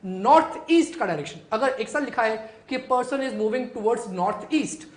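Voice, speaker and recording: Higher-pitched woman teaching in an echoey room. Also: expressive, unhurried. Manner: asks students questions and answers them herself. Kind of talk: classroom physics lesson.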